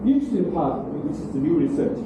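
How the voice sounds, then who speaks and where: With big pitch swings and a slightly fast delivery, a middle-aged man whose voice is on the high side gives a university lecture in broken English. He keeps asking "okay?" and "right?", and the far room camera records a very echoey, noisy large classroom.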